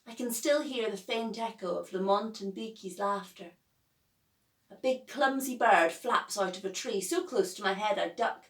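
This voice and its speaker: A woman author reading her children's novel aloud with an expressive storytelling manner. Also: mid-range voice. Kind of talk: children's book read aloud. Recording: roomy echo, distant mic.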